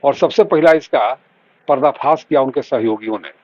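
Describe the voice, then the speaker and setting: A man's voice: medium pitch, a little mellow, no echo, lo-fi sound. Earnest middle-aged man, doctor candidate. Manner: earnest, measured, repeats key words. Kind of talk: interview answers.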